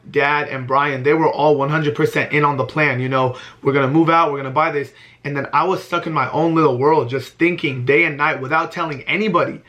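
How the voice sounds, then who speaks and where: A man's voice: on the high side, pushed and bright. A man in his early twenties talking earnestly to camera in a heartfelt vlog, often repeating himself for emphasis. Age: 20s. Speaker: vlogger.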